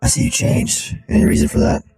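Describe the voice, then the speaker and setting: Voice changer, a gas-masked sniper sentry, curt and suspicious, sky-high pitch, dry close sound. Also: male voice, lively intonation, a little fast, mellow, no echo. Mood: wary. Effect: voice changer shifting the voice very high. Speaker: game master.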